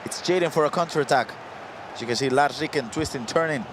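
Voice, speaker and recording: A man commentating live on an esports football match, talking fast and getting excited as the play builds. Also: on the high side, background noise. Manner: excitable, rises to shouts at big moments.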